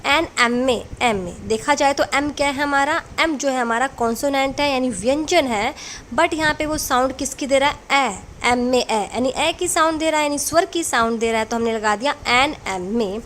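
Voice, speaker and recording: A woman's voice: sits high, normal speed, fairly bright tone, a little hiss or hum. A woman teaching English grammar in a classroom lesson, explaining rules patiently and answering her own questions as she goes.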